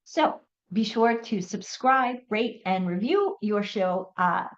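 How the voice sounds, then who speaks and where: Animated but slow, a woman with a mid-range voice hosts her motivational solo podcast over lo-fi sound. She's an American menopause mentor in her 50s who encourages her listeners by speaking to them directly.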